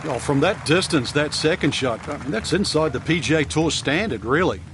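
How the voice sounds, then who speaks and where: A man's voice: on the high side, expressive, normal speed. A man giving conversational golf commentary as an analyst, explaining the shots and the course. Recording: clear outdoor background noise.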